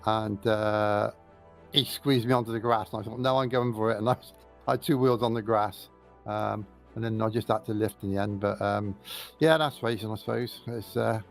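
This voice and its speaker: A man's voice: fairly low pitch, steady tone, normal speed, creaky, faint music behind. A man racing in sim, sweaty after the race, answering interview questions in a self-deprecating way with frequent laughs.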